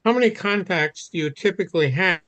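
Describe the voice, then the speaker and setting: A man asking a question on a video call, halting and restarting, his voice cutting in and out from a faulty microphone. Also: high voice, fairly bright tone, no echo, dull audio. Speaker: meeting participant asking a question. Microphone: computer microphone on a video call.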